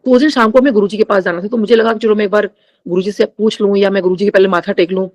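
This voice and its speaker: A woman's voice: medium pitch, fairly even intonation, very fast, a little mellow. A middle-aged woman sharing a spiritual testimony with a congregation. She addresses them often and mixes English phrases into her Hindi.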